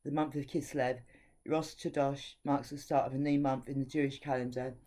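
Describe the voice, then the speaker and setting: A woman's rumbling low, warm voice keeps a level tone at a moderate pace as she reads scripture aloud. Her informal devotional teaching is earnest and preachy, full of frank opinions.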